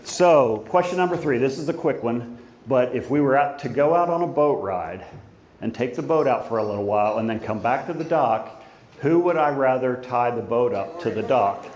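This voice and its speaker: A middle-aged man giving an informal father of the bride speech at a wedding reception, conversational and anecdotal, pausing for the guests. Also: medium pitch, lively intonation. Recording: echoey room, loud crowd and background noise. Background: crowd of guests, room noise.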